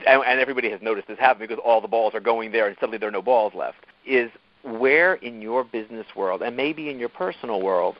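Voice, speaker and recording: An animated male guest who tells his stories with sudden upward jumps in pitch, sitting at a middle pitch for a man. The sound is dull and lo-fi, like an old radio broadcast. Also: fast, no echo. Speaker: guest, team-building coach and speaker. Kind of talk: interview storytelling.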